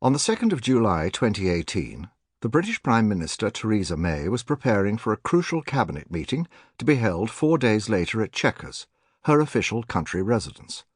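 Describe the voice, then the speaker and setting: Man narrating with lively, husky delivery. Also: fairly low pitch, no room sound, studio quality. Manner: measured, clearly articulated reading with lively intonation. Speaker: audiobook narrator. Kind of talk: scripted nonfiction audiobook reading. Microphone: close studio microphone.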